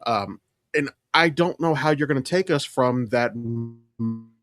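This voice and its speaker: With music in the background, a medium-pitched man talks in an unhurried way as a podcast co-host. His casual film commentary is blunt and opinionated, and he swears liberally.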